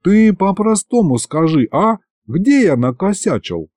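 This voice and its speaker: Brief: a man playing a gruff male demon police chief for an audiobook, street-slang patter, high and swinging. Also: sing-song, unhurried, darkish tone, dry recording, clean studio sound, heavily acted. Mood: puzzled.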